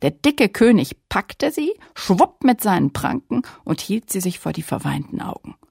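A woman reading a children's story aloud with lively, playful narration. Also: mid-range voice, normal speed, vocal fry, slightly rough, dry recording, clean studio sound.

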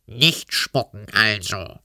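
A man voicing a grumpy, rude, hairy red earth monster with a rough, growling voice. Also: fairly low pitch, lively intonation, takes it slowly, sharp tone, no room sound, studio quality, exaggerated voice. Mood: cheeky. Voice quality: rough, gruff. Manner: sulky, cheeky, growling.

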